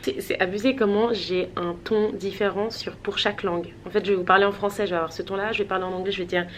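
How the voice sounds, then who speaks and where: A woman's voice: mid-range voice, steady tone, fast talker, slight background noise. A woman from Switzerland chatting casually to her vlog viewers, rambling with many hesitations. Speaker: vlogger.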